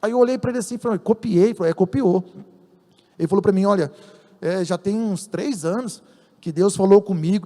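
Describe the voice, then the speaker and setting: A man's voice: high-pitched, warm tone, in a large hall. A man with a Brazilian Portuguese accent preaching a sermon as a church elder, telling stories and acting out dialogue with emphasis.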